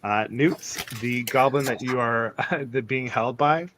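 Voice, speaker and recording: A man narrating a tabletop game as game master, filling pauses and laughing often. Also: medium pitch, a bit bright, a little hiss or hum. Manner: laughing often, many fillers.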